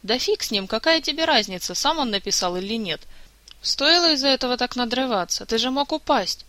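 Reader doing worried young woman calming someone down, higher voice, bright dry sound. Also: fairly quick, no room sound. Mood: anxious. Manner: anxious, soothing.

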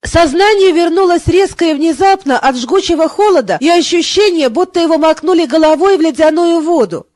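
A woman reads a novel aloud in an even, steady storytelling voice. Her pitch sits very high, and the recording is dry with no room sound. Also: fairly quick, hardly any pauses, dry recording. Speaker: audiobook reader. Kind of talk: scripted narration.

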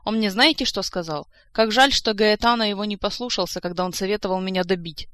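A woman's voice: mid-range voice, brisk, a bit bright, no echo, close to an everyday voice. A woman reading aloud, voicing an insolent young female fighter who snaps and mocks. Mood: spiteful. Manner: snapping, mocking.

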